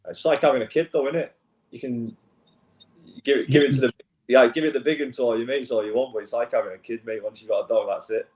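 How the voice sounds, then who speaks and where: A man's voice: mid-range voice, steady tone, fast, darkish tone, roomy sound, poor audio. A man hosting a casual chat, easygoing in manner and mostly giving short agreeing replies. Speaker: host.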